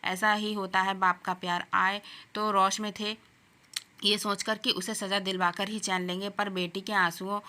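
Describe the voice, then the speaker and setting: A woman's voice: mid-range voice, level tone, moderate pace, bright, forceful tone. A woman narrating an emotional moral story in an earnest reading voice.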